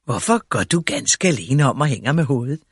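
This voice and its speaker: A sly but helpful fox speaks briskly and encouragingly, as a man puts it on. His voice is slightly husky and dry. It comes from a read-aloud storybook. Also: medium pitch, sing-song, no echo.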